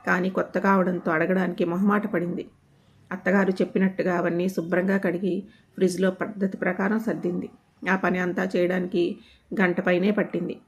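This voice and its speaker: A woman's voice: on the low side, breathy edge. A woman reading a family story aloud as scripted narration, giving the characters' lines small lifts in her voice.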